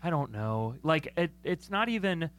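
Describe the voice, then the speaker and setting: A man's voice: a little high, sing-song, moderate pace, a bit bright. A man co-hosting a sports talk show, analyzing football in a chatty, joking way and often correcting himself mid-sentence. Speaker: sports podcast co-host.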